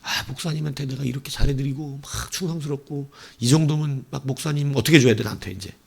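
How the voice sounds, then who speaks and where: Man, pastor preaching a sermon, raspy fry in the voice, dramatic acted-out quotes. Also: mid-range voice, fast talker. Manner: animated storytelling, acts out quoted lines with sudden loud outbursts.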